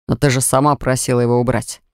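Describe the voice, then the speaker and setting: A cocky young man who talks low and sure of himself, mocking and bossy, as a woman reader pitches her voice down for him. The voice sits dry and close, with no room around it. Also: little pitch movement, quick pace, a little mellow, clean tone, dry recording. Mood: insistent. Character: brooding confident young man, pushy and smug.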